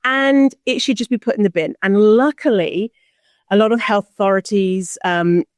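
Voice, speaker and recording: A woman's voice: mid-range voice, normal speed, no room sound, clean studio sound. A woman speaking as a podcast guest in a casual discussion, blunt and emphatic, with a sarcastic edge.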